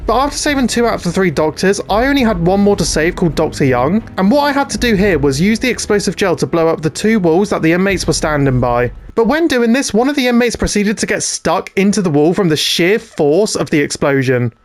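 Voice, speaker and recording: A young man in his twenties giving excitable, chatty gameplay commentary. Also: sits high, brisk, hardly any pauses. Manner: excitable, chatty, frequent restarts. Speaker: gaming YouTuber.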